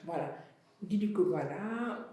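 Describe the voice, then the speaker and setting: A woman's voice: on the low side, lively intonation, takes it slowly, mellow. A young woman from Senegal and Benin, a fashion entrepreneur, talking frankly and animatedly as a guest in a studio interview, with many hesitations. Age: young adult. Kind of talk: casual interview talk. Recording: very echoey room, distant mic.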